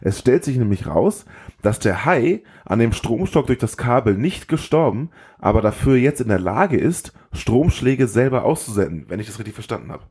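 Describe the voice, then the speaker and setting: A man's voice: mid-range voice, big pitch swings, normal speed, darkish tone, husky. A man narrating a film recap in a wry, sarcastic way. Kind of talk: scripted narration.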